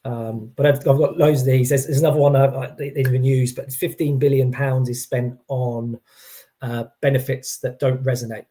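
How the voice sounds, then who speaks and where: A man's voice: medium pitch, steady tone, moderate pace, warm tone. A man giving an informal expert explanation, hesitant, often restarting and qualifying his points. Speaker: employee engagement consultant as guest.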